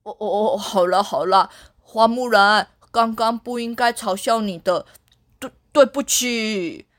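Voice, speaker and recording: A woman's voice: mid-range voice, a little slow, close to an everyday voice. A woman voicing cheeky schoolboys who taunt a classmate in a singsong way in a children's story. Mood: sheepish. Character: two teasing schoolboys, cheeky and mocking.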